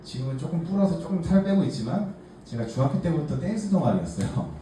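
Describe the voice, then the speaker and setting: With soft music in the background, a man in his forties speaks quickly in a rather high, very animated, mellow voice. He's from Gangneung in South Korea's Gangwon Province and, as a workshop case presenter, tells a group his life story in a chatty, self-mocking way with many fillers. The echoey room is picked up by a distant mic with faint hiss.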